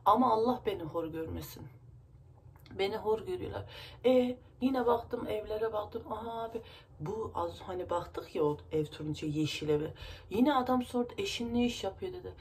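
A woman's voice: medium pitch, moderate pace, a little mellow, a little hiss or hum. A woman vlogger venting to her viewers in a rambling, emotional way, her nose stuffy from crying. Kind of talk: casual vlog talk to viewers.

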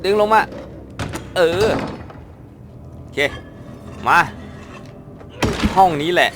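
Excitable Thai man playing a game. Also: sits high, extremely slow, background noise. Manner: excitable, yelps and shouts when chased; chatty, apologizes to game characters. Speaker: gaming YouTuber. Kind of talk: let's play commentary. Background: game music.

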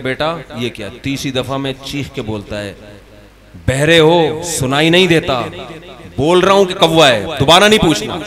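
A man delivers a sermon in a somewhat high voice. He shifts between plain talk and acted-out exchanges while speaking to a gathering. A crowd can be heard clearly behind him. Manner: conversational, acting out dialogues and stories. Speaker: Islamic preacher. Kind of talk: sermon to a conference audience.

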